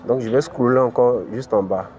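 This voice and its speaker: A man hosting a crypto channel walks viewers through a screen-recorded tutorial in stages, his African French accent marked by frequent "ok" and "voilà." He has a mid-range, darkish voice and speaks at normal speed.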